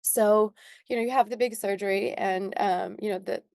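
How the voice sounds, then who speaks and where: Speaking at a normal speed with vocal fry, a skincare founder in her young adult years recounts something personal during an interview. Her medium-pitched voice is a little mellow and fairly even in intonation, and the recording is dry. She's earnest, says um often, and occasionally seems close to crying.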